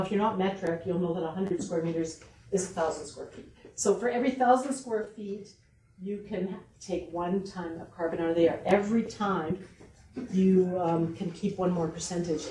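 Middle-aged woman as a horticulture speaker: chatty and joking, warm low-key tone, recorded from across a roomy hall with light hiss. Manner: chatty and joking, asks the audience questions. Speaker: horticulturist giving a library talk. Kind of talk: lively gardening presentation to a live audience. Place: library meeting room. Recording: roomy sound from a distant mic with faint noise.

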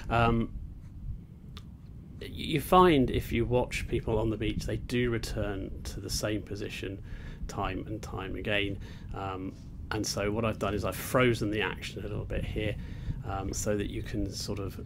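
Against a noisy background, an art teacher sits on beach rocks outdoors and walks through an ink sketching demonstration. His lowish voice is gravelly, steady in tone and unhurried, though his speech is hesitant, full of fillers and restarts.

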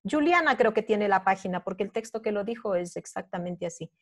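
A middle-aged woman teacher runs an online review class, her mid-range voice animated and a little quick. She patiently explains each step and keeps checking in with her students.

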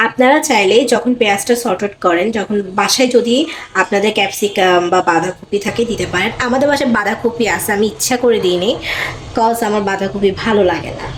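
A young woman, chatting quickly through a casual cooking vlog at home and mixing in English words. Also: medium pitch, slight background noise. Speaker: cooking vlogger. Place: home kitchen.

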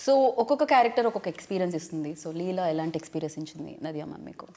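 A woman's voice: lowish voice, expressive, rapid-fire, dark tone. A young woman with a South Indian accent, interviewing casually and switching between languages. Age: young adult. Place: indoor press studio.

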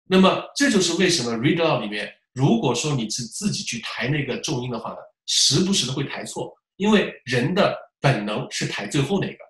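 Animated male teacher in a roomy space. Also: medium pitch, brisk, few pauses. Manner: animated, asks rhetorical questions, demonstrates examples aloud. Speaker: English test prep teacher. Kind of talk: classroom-style lecture. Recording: roomy echo.

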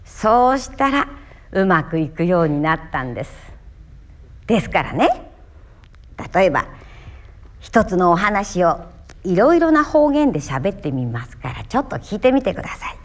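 A Japanese actress from Miyagi performing a one-woman stage monologue, telling her story theatrically with sudden leaps in pitch. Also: big pitch swings, moderate pace, pauses often.

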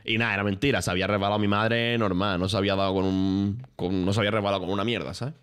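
A man's voice: on the low side, very fast, clean tone. Slangy young man telling stories. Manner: animated storytelling with lots of slang and swearing. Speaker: streamer. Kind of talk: casual chat.

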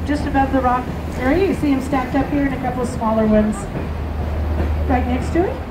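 A woman in her fifties giving chatty, informative live tour commentary as a train tour guide, heard through a loudspeaker on an open-air train car. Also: brisk. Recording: echoey loudspeaker over loud train noise. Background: rumbling train and outdoor wind.

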